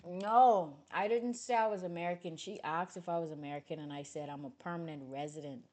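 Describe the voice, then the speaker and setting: On a livestream, a Bahamian woman speaks a little fast as she chats informally with viewers. Outspoken and full of energy, she veers from loud bursts to low mutters.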